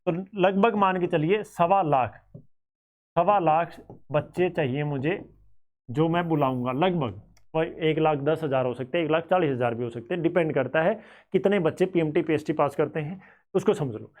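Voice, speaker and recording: A man's voice: a little high, moderate pace, darkish tone. A man with a Haryanvi-flavoured Hindi accent teaching students about exam cut-offs in a conversational, thinking-aloud way.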